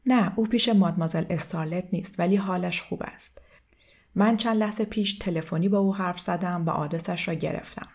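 A woman reading aloud and voicing a calm middle-aged male doctor who speaks in a measured, gently insistent way. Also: fairly low pitch, breathy edge.

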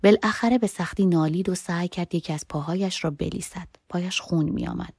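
Woman audiobook narrator, low warm voice, soft expressive reading, dry close recording. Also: breathy edge, no echo. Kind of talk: first-person novel reading.

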